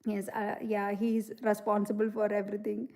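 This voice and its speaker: A woman's voice: mid-range voice, completely flat delivery, normal speed, a little mellow. A woman from India, hosting a casual livestream. She speaks earnestly and reflectively, with many "you know" fillers, and reads out and answers viewer comments. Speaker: livestream host.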